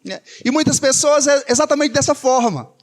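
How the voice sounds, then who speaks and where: A Brazilian man preaches in a high voice. He speaks with emphasis, repeats his key phrases, and poses rhetorical questions to the congregation. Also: normal speed. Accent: Brazilian Portuguese. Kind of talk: sermon.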